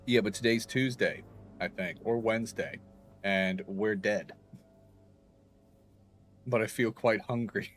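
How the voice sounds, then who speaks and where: A man with a lowish voice chats through his gameplay stream and tells stories with easy laughter. Faint game music plays behind him. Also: slow pace, long pauses. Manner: chatty storytelling, laughs often. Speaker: livestreamer. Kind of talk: casual gameplay commentary.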